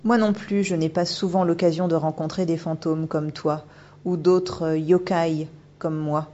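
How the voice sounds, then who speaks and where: A woman's voice: deep voice, fairly even intonation, unhurried, dark tone. Casting: woman reading a cool, commanding spirit woman who turns into an otter; slightly raised, firm, dull recording. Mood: imperious. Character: mysterious shapeshifting otter spirit woman, haughty. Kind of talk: audiobook character voice.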